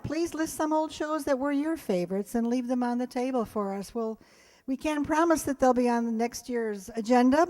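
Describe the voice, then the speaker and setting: A community players' spokesperson wraps up a live event with rambling, casual announcements and thanks to the audience. She has a slightly high voice with a darkish tone, and her delivery is chatty and unscripted.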